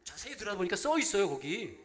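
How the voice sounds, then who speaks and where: A man in his fifties preaches a sermon in a high voice that swings widely up and down. He tells stories with humor and acts out the quotes. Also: quick pace, noisy background. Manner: animated, humorous storytelling with acted-out quotes. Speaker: pastor.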